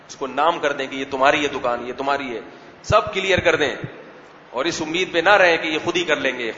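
Male religious scholar, lecturing in a slightly raised voice, conversational and questioning. Booming room, dull sound. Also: sharp tone, roomy sound, in a large hall, slight background noise. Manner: conversational, with rhetorical questions and answers. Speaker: Islamic scholar giving religious rulings.

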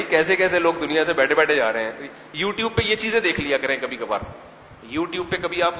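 Male religious scholar, lecturing in a slightly raised voice, conversational and questioning. Booming room, dull sound. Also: fairly bright tone, reverberant, big-room sound, a little hiss or hum. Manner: conversational, with rhetorical questions and answers. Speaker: Islamic scholar giving religious rulings.

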